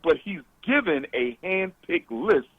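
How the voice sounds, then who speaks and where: A man's voice: on the high side, very animated, a little slow, husky, no room sound, narrow, tinny audio. A man calling in as a guest to a radio talk show, lecturing emphatically over a call-in line.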